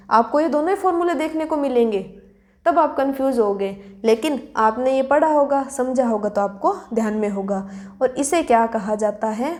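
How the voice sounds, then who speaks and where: Mellow-voiced woman teaching chemistry. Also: fairly high pitch. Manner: asks questions and answers them herself, slows to spell out formulas. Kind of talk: classroom lesson explanation.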